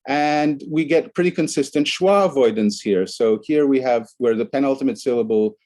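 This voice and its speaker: A man's voice: mid-range voice, moderate pace, darkish tone. A man giving an academic conference presentation, explaining the examples on his slides one by one.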